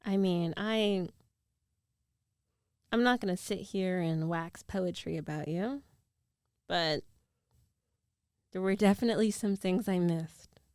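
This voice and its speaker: A woman performs an intimate ASMR roleplay as a young ex-girlfriend who worries and teases, her soft, broken-up speech captured up close. Her fairly low voice is clear and resonant with no room sound, carrying a hesitant, regretful feeling.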